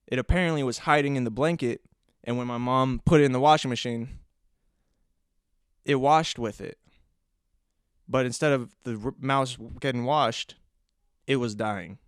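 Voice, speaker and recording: Young man with a smooth, dry voice. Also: mid-range voice, moderate pace, long pauses, no room sound. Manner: rambling, full of restarts and fillers; animated, acting out his own reactions. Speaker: podcast host. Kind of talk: casual storytelling monologue.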